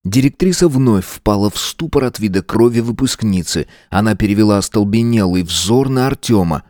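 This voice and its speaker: A man narrating an audiobook thriller in a measured, tense storytelling manner. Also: lowish voice, animated, darkish tone, dry recording, studio quality.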